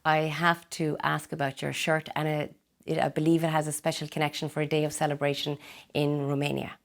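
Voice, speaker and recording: A woman with a low voice and a gravelly, creaky edge, asking interview questions. She keeps her prompts short and friendly. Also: flat delivery, brisk.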